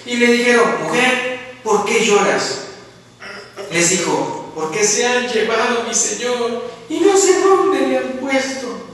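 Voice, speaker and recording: A man's voice: very high-pitched, animated, measured pace, fairly bright tone, far from the mic. A man preaching a sermon in a church, reading scripture and asking his congregation questions in a conversational way. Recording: echoey church hall, mic from afar.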